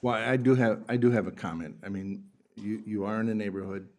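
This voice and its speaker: A man's voice: on the low side, steady tone, brisk, a little mellow. A man county commissioner speaking at a public board meeting, earnest and urging, repeating himself as he goes.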